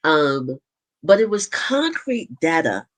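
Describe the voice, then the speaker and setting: Measured woman interview host. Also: low-pitched, sing-song. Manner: measured, explanatory, with fillers. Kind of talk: interview conversation.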